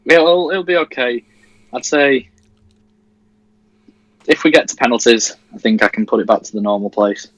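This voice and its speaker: An eighteen-year-old from Leeds, England co-hosts a football watchalong livestream, chatting in an easygoing, jokey way. His medium-pitched voice has lively intonation at a normal speed with long pauses. It's recorded dry and close with no room sound, and the audio is dull.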